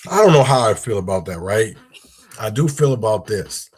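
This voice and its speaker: Low husky-voiced political livestream host. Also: male voice, expressive, normal speed. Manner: reads news reports aloud and adds opinion.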